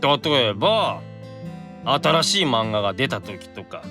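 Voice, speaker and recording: In a Japanese audio drama, a male actor voices a tipsy, affectionate young demon brother, earnest and insistent with a childlike drunken slur. His medium-pitched delivery is slow with big swings in pitch, and music plays in the background.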